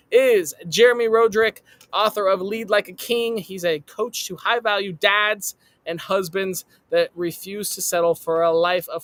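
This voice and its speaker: High-voiced upbeat male podcast host. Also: a bit bright, no room sound. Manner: upbeat, emphatic announcer delivery. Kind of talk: podcast host reading sponsor shout-outs.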